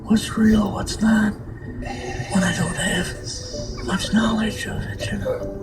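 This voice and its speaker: An elderly man with a weak, whispery voice, recounting his experiences haltingly in an interview. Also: high voice, steady tone. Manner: halting, with long pauses. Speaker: interviewee recounting past government service. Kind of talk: slow personal recollection in an interview. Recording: roomy, distant mic under loud music.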